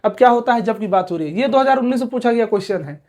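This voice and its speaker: A man's voice: very high voice, lively intonation, rapid-fire, a little mellow. A male chemistry teacher giving an exam-prep lecture who asks questions aloud, answers them himself, repeats key terms and keeps urging students to pay attention. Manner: repeats key terms several times over.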